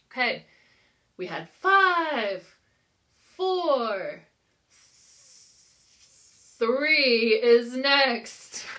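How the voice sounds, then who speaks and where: Reading a story aloud to young children, this American preschool teacher in her thirties keeps her language simple and encouraging and asks them questions along the way. She speaks on the high side with a fairly bright tone.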